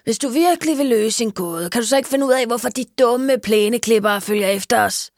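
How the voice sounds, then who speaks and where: A grumpy male crow from a storybook, raspy and screechy, snapping out loud sarcastic remarks, as a woman puts him on. His voice sits higher than a plain speaking voice. It is recorded dry and close. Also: no echo, close to an everyday voice.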